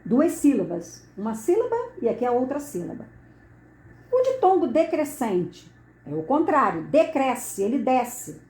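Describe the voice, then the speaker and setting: A woman teaching a Portuguese grammar lesson, explaining slowly and deliberately and repeating the key words. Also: sits high, big pitch swings, a little mellow. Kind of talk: classroom lesson at a board. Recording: echoey room.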